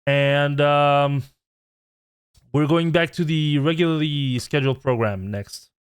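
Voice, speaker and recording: A man's voice: a little high, slow, smooth. A man in his twenties, a channel host, giving an earnest, pleading vlog rant. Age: 20s.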